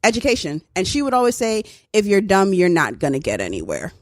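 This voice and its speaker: A woman from Brooklyn co-hosting a casual podcast, playful and quick to laugh. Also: medium pitch, huge pitch swings, no room sound, studio quality. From Brooklyn, New York. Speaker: podcast co-host. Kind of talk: casual chat.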